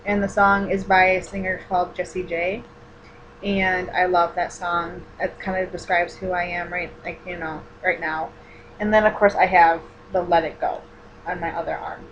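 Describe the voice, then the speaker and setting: A woman's voice: lowish voice, level tone, moderate pace, muffled recording, a little hiss or hum. A woman in her twenties chatting casually in a vlog, rambling with many fillers and restarts as she answers personal questions. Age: 20s. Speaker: vlogger.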